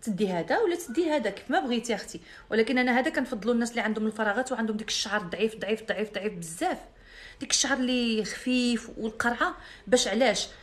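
A young woman with a Moroccan Arabic accent who talks fast and sits a little high in her range. She hosts a live stream, and her delivery is brash, mocking and full of bragging. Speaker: live-stream host selling products.

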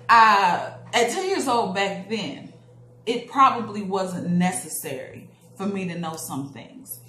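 Woman in her 30s chatting on her vlog, animated storytelling, echoey room with a faint hiss behind. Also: medium pitch. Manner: animated, acting out quoted voices with laughs. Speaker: parent vlogger.

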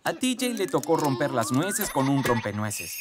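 A storyteller reading a children's story aloud in a lively, expressive way. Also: mid-range voice, normal speed, over a noisy crowd. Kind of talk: scripted narration of a children's story. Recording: music playing behind.

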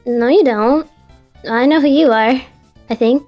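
A woman's voice: high-pitched, measured pace, darkish tone, faint music behind. A young adult woman with a very youthful, girlish voice and a cute anime-streamer manner, casually telling confessional stories. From Colombia and the United States. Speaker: confession guest caller.

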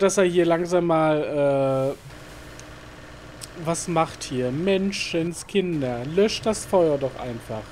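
A gaming YouTuber gives casual let's-play commentary in a fairly high, slightly mellow voice, rambling loosely and muttering fillers and asides to himself. Faint noise runs beneath the recording.

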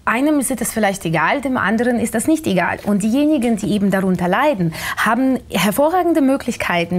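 A woman's voice: on the high side, darkish tone. A woman in her thirties giving an infomercial testimonial as an interview guest in a TV studio.

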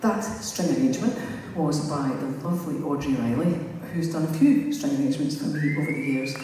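A woman's voice: low voice, fairly quick, dark tone. A Scottish woman chats from the stage between songs, wandering from thought to thought and laughing at herself. Her voice carries from a distance through a big, long-ringing concert hall, with a faint hum of the room behind her. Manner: chatty, rambling, self-mocking. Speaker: singer talking to a concert audience. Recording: echoey hall from far off.

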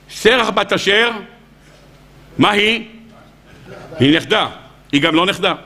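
A rabbi holds forth before a live audience in a high, gravelly voice with a bright, sharp edge. He tells the story with humor, acts out each character, and keeps throwing questions at his listeners. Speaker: rabbi giving a weekly Torah lecture. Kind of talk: lively storytelling sermon. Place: lecture hall with a live audience.

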